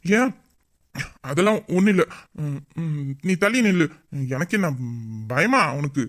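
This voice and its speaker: Brief: an actor voicing a grumbling, lovesick young man in a romantic audio drama, mid-pitched and mock-angry. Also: expressive, measured pace, lightly acted. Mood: sulky.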